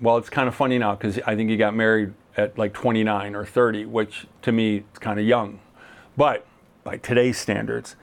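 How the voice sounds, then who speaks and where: A man giving a conversational sermon, casual and joking, often slowing down for emphasis. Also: fairly low pitch, flat delivery. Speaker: Bible teacher.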